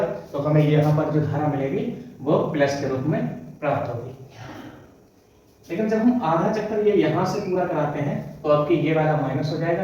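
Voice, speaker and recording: A man's voice: a little high, darkish tone. Man teaching physics in an echoing classroom. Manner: explains step by step, asks and answers own questions; slows to dictate notes. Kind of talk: board lesson, dictating exam answers. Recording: echoey room from far off, dull sound.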